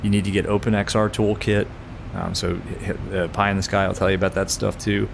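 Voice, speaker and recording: A man's voice: flat delivery, brisk. A man chatting casually and informally as a flight simulator streamer. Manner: laid-back, informal. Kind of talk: casual livestream chat mixed with pilot radio calls. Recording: clear rumbling background noise.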